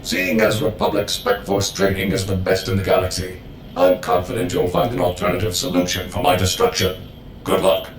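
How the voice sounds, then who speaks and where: A patriotic military droid from a video game, very low in pitch. It speaks in grand, formal, melodramatic phrases. The sound is echoey, with music clearly playing behind it. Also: male voice, animated, normal speed. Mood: earnest, melodramatic. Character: bombastic, fiercely patriotic male war droid. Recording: roomy echo, clear music underneath.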